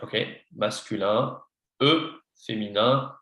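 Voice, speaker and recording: A man's voice: lowish voice, takes it slowly, fairly bright tone, reverberant. A man teaching a beginner French lesson, patient, spelling words out letter by letter and slipping into English to explain. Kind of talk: one-on-one beginner lesson, slow and repetitive.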